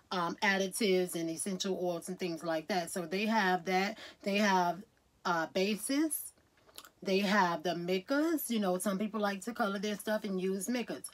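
Woman esthetician, casual vlog delivery, enthusiastic and chatty, talks to viewers as y'all. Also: mid-range voice. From Miami, USA. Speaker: esthetician and beauty business owner.

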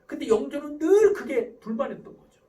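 A man's voice: very high voice, expressive, a little fast, warm tone, distant mic, poor audio. A man lecturing to parents, asking questions and answering them himself. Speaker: professor giving a parenting lecture.

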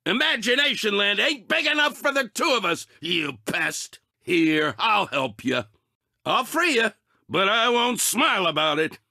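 A man voicing Anger, a short-fused, sarcastic cartoon emotion in a video game, with a raspy, blustering, exasperated delivery. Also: high voice, big pitch swings, a little slow, pushed and bright, no room sound, studio quality, full character voice. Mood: cocky, gruff. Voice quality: raspy, gravelly, tense. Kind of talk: animated video game character acting.

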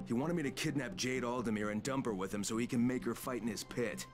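A man's voice: mid-range voice, quick pace, close to an everyday voice. Guy voicing blunt hot-tempered agent guy in a zombie game, music playing under him. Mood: indignant. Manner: blunt, profane. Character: hot-headed male undercover operative in zombie city. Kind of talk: video game voice acting.

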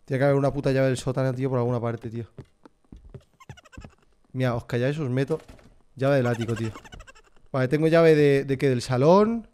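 A man's voice: mid-range voice, fairly quick, long pauses, mellow, smooth. A young man with a Spain Spanish accent, jumpy and swearing while commenting live on a horror game for his chat. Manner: profane, jumpy, talks to chat. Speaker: streamer.

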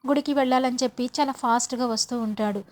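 A woman's voice: high-pitched, fairly even intonation, quick pace. A woman casually retelling a TV serial episode, repeating linking phrases as she goes. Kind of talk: casual serial recap narration.

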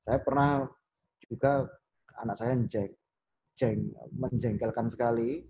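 A man, a podcast guest telling stories in a relaxed chat and acting out the lines he quotes. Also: mid-range voice, unhurried, creaky, husky, muffled recording. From Solo, Central Java. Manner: animated storyteller who acts out quoted lines. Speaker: podcast guest, business owner.

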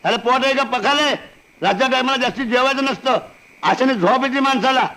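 An actor playing an eager, brash village sidekick, quick to agree and to scold. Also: male voice, very high voice, pushed and bright, full character voice, rough recording.

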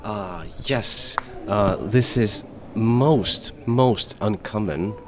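A man playing a prim, fussy gentleman passenger, talking hesitantly and quietly. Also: fairly low pitch, drawn-out words. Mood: bewildered. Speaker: tabletop game player.

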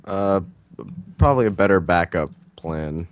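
A man chatting slowly and hesitantly over a game, laughing a lot. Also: low-pitched, expressive, smooth. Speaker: gaming group member. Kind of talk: casual gaming chat.

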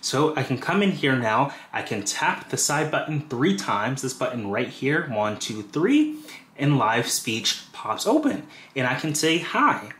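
A man's voice: medium pitch, big pitch swings, a little slow, a bit bright. A man casually walking through a phone setup tutorial step by step, with fillers like "you know". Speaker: tech tutorial presenter. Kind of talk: screen-recorded how-to walkthrough. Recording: roomy echo.

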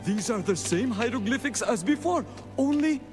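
A man's voice: very high voice, animated, moderate pace, music in the background. A man voicing a learned, cautious male mouse guide in a cartoon. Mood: explaining. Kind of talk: cartoon voice acting.

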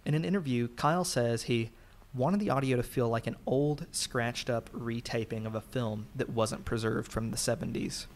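The narrator is a man reading a scripted video essay, his voice at a typical male pitch and marked by vocal fry. He explains things in a measured manner and makes each point clear.

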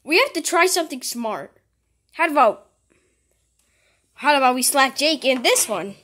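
A woman voicing a pushy, scheming, excitable plush toy dad in a homemade skit. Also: sits high, a little slow. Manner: exclamatory, bossy.

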